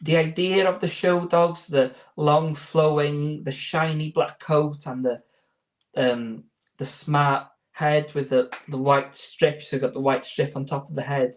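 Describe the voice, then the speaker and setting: A man's voice: fairly high pitch, level tone, unhurried. A man giving informal interview answers as a sheepdog handler, explaining in a hesitant, rambling way.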